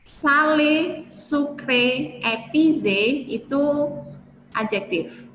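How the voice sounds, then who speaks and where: A woman teaching a French class online who explains patiently and slows down to model the example sentences. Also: sits high, a bit bright. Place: home room on a video call. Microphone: laptop mic on video call. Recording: echoey, dull video-call audio with faint noise.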